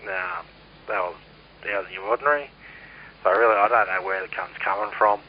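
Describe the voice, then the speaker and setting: An Australian CB radio operator chats casually, blunt, rambling and full of swearing. His voice is lowish and brisk. The transmission comes through muffled and noisy.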